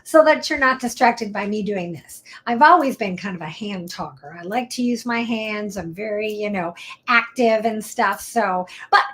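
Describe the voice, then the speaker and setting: A woman's voice: mid-range voice, normal speed, fairly bright tone. Chatty woman attorney hosting a live show. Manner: chatty, upbeat and talkative, drops into whispered asides. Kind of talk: casual live-stream talk.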